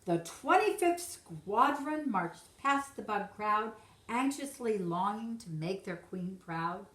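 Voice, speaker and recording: With a mid-range, fairly bright voice and lively intonation, a woman slowly reads a rhyming children's story, performing it like a teacher for young pupils. The recording has a roomy echo.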